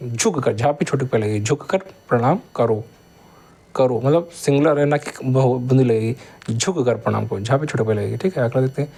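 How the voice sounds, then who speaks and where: A man teaching grammar, reading each sentence aloud slowly and then explaining the correction in quick bursts. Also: medium pitch, a little mellow.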